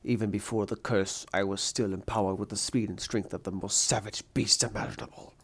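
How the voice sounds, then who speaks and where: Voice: sits low, steady tone, a little fast, breathy edge. A performer voicing a pompous, menacing male supervillain hunter in a comic dub, speaking in a grandiose, formal, haughty way. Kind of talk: theatrical comic-book villain dub.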